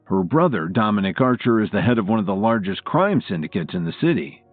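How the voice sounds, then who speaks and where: A man's voice: fairly low pitch, big pitch swings, a little fast, dry recording, faint music behind. A man voicing a stern, commanding male hotel security chief who scolds staff, in an audiobook with tinny phone-like audio. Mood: explaining. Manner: brusque, scolding. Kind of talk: audiobook character voice.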